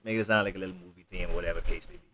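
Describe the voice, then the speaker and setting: A man giving casual, jokey reaction commentary, talking back to a song and now and then yelping into high voices. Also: racing, a little hiss or hum. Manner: animated, jokey, yelps into high put-on voices.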